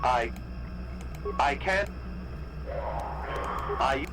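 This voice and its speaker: An actor playing a malfunctioning ancient computer guardian in a video game, stuttering and repeating error messages in flat, broken fragments. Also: male voice, mid-range voice, very slow, background noise. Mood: glitching.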